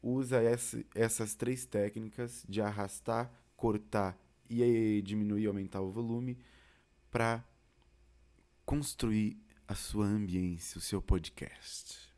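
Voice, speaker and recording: Speaking slowly in a steady, darkish, rather low voice, a Brazilian-accented instructor walks learners through podcasting step by step in an informal video lesson. He addresses them directly in a chatty, encouraging way.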